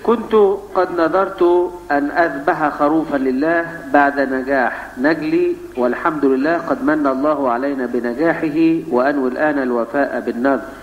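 A man slowly reading aloud worshippers' written questions in a formal, measured way. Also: on the high side. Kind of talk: slow formal reading of letters. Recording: distant, roomy, dull mosque recording.

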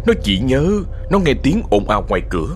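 A man narrating a scripted ghost story in a calm, expressive way. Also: mid-range voice, a little fast, slight background noise.

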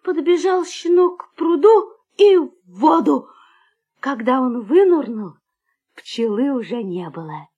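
A woman narrating a children's fairy tale for an audio storybook, slow and expressive. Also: sits high, lo-fi sound.

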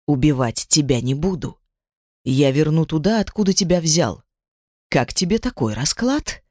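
A woman doing a gruff, mocking crime-boss man. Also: deep voice, animated, normal speed, darkish tone, no room sound, studio quality. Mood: menacing. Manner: mocking, menacing, curt. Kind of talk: audiobook character voice.

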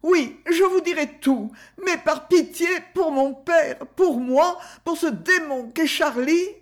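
A woman's voice: high-pitched, slow, pitched above the performer's own voice. A woman voicing a frightened young woman who pleads and confesses, her voice raised and trembling. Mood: pleading.

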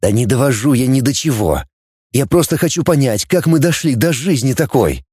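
A man's voice: medium pitch, expressive, moderate pace, mellow, slightly rough, no room sound, clean studio sound. Man voicing cynical sardonic outcast man. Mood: calm. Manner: sardonic, scornful ranting.

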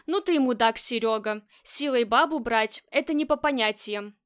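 A woman's voice: high voice, normal speed, close to an everyday voice. A woman reading as a defiant female gang boss. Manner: defiant, curt. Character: tough female gang leader, defiant and scornful.

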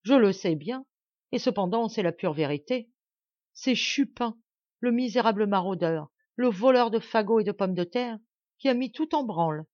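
A woman's voice: medium pitch, lively intonation, moderate pace, darkish tone, no room sound, muffled recording, natural voice. A woman reading an audiobook, voicing an angry young male peasant in a heated, scornful outburst.

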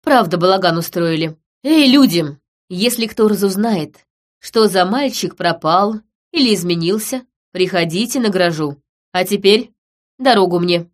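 A woman voicing a calm, commanding nobleman in a storybook reading. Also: lowish voice, a little slow.

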